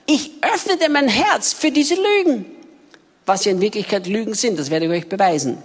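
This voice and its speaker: A woman giving a sermon in animated storytelling style. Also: mid-range voice, normal speed. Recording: long hall reverb.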